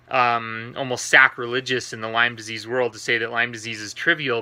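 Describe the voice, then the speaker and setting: A man's voice: mid-range voice, bright, forceful tone. A tired, unwell man talking casually and earnestly to camera inside a small RV, rambling informally. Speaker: vlogger. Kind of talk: casual talk to camera, personal health update. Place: inside a parked RV, small enclosed trailer space.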